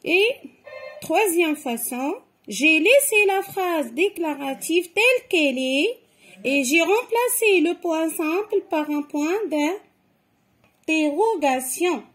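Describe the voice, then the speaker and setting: A woman's voice: very high voice, lively intonation, slow, a bit bright. A woman teaching a grammar lesson to children, explaining patiently and step by step. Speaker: French teacher.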